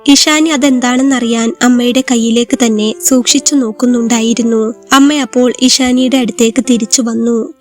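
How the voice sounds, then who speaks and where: Woman storyteller, scripted narration, higher voice, flat and even, faint music underneath. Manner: calm, steady reading.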